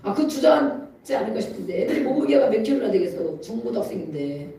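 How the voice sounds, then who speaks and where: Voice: mid-range voice, very animated, fast, dark tone, slight background noise. A preacher giving a chatty, storytelling sermon with frequent laughs that rises to emphatic exhortation, recorded in a church sanctuary from a distance. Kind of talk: conversational sermon. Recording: echoey hall, mic from far off.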